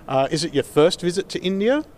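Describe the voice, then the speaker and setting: A man interviewing a comedian on radio, asking measured, thoughtful questions. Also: high voice, very animated, a little mellow, a little hiss or hum.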